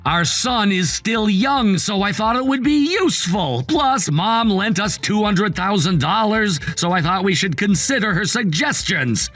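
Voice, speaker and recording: A man's voice: high voice, expressive, measured pace, hardly any pauses, fairly bright tone, soft background music, full character voice. A man voicing a betrayed young husband in a dramatized text story, curt and icy.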